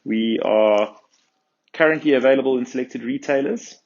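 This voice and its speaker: A man's voice: medium pitch, moderate pace, darkish tone. Male advert presenter, dull lo-fi sound. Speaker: product presenter. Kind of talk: scripted advertisement.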